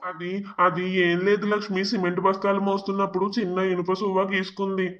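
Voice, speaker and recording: A man's voice: sits high, flat delivery, fast talker, fairly bright tone, lo-fi sound. An actor voicing a poor young village husband pleading and arguing for his sick wife in a cartoon drama. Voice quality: pleading, emotional.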